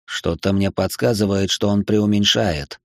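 A man's voice: fairly low pitch, expressive, normal speed, a little mellow, dry recording. A man voicing a dragon-born husband with a fiery temper and a protective streak, speaking curtly. His voice drops a touch below his own middle range. The sound is close and dry. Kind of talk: audiobook character reading.

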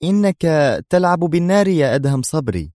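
An irritated young female agent with a sharp, high-pitched, indignant delivery, as a male narrator puts her on. She sounds tense and quick to scold. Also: lively intonation, dry recording, studio quality, close to an everyday voice.

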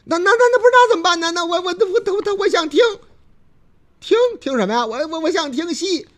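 A man's voice: lively intonation, brisk, a bit bright. A man doing a stammering panicky young woman. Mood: anxious. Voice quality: high, breathless stammer. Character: flustered plump young woman, stuck and panicky.

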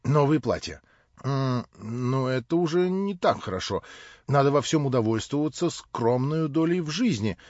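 A man's voice: medium pitch, expressive, normal speed, no room sound, voice pushed up, natural voice. A man voicing a kindly, fussy old male doctor who teases in a mock-stern way, in an audiobook reading. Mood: teasing. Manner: gently teasing, mock-stern. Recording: dull lo-fi recording.

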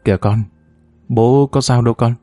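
A man voicing a worried father gently soothing and reassuring his young child. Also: medium pitch, animated, brisk, no echo, natural voice.

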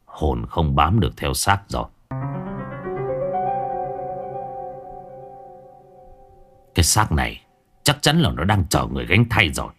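A man voicing a grave old village coffin bearer, muttering low and slow. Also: expressive, over music, exaggerated voice. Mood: ominous.

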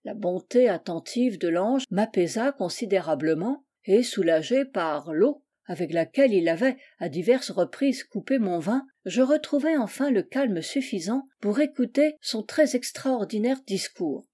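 Audiobook narrator: woman, steady and expressive, soft dark tone. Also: mid-range voice, a little slow, few pauses. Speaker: reader.

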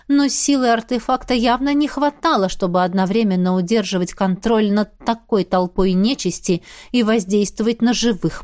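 A woman's voice: medium pitch, dry recording. Woman narrating a fantasy audiobook, dry. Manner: expressive, dramatic reading.

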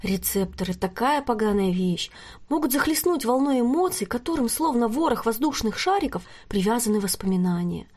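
A woman narrating a novel chapter in a steady, even audiobook reading. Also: a little high, brisk.

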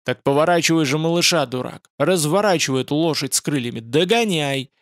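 A man reading aloud and voicing a fierce, scornful warrior who barks and shouts at his companion. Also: a little high, a little fast, no room sound, studio quality, natural voice. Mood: scolding. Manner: barking, scolding shouts.

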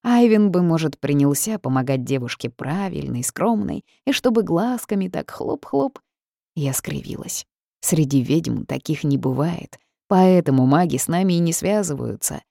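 A woman reading a first-person story aloud, lively with wry asides. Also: deep voice, moderate pace, creaky, dry recording, clean studio sound. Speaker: audiobook narrator. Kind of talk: first-person audiobook narration.

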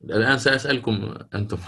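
A man's voice: fairly low pitch, fast talker, bright, forceful tone, breathy edge. Male Quran teacher questioning his class. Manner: explains step by step, questions the class, chants quoted verses. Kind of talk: online lecture to students.

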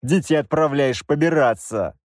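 A man voicing a furious, irritable nonhuman male hero who shouts and snarls. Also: fairly high pitch, normal speed, dry recording, studio quality, pitched above the performer's own voice, natural voice.

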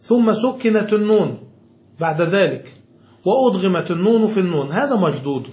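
High-voiced man patiently explaining grammar. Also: lively intonation, brisk, darkish tone, reverberant. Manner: patient, repeats and rephrases each point, checks understanding. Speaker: teacher of Arabic grammar. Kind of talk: explaining a grammar text to a student.

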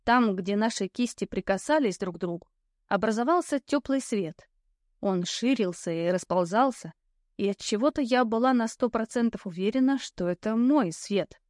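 A woman narrates an audiobook in the first person with an even, measured delivery. Her voice sits fairly high and the recording is close and dry. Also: no room sound.

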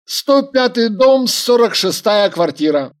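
A woman voicing a stubborn, touchy man in a slow, deliberate, sulky way. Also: a little high, lively intonation, pitched above the performer's own voice.

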